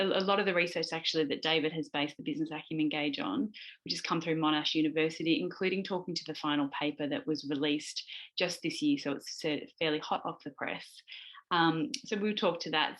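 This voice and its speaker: A woman's voice: sits low, low-quality recording. A woman with an Australian accent presenting a webinar over a video call from her home in the middle of a move, chatty and full of fillers and restarts. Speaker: webinar presenter, leadership specialist. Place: home mid-move, indoors.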